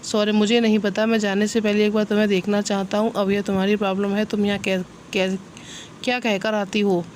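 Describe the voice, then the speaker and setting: A man's voice: high voice, little pitch movement, a little fast, a little hiss or hum, lightly acted. Woman reading a cheeky young boyfriend. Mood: teasing. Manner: teasing, pleading.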